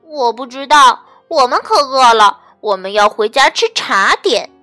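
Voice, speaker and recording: A woman's voice: sits high, animated, measured pace, bright, forceful tone, soft background music, full character voice. A woman voicing a cheerful, playful female elephant in a storybook reading, teasing and a little bossy.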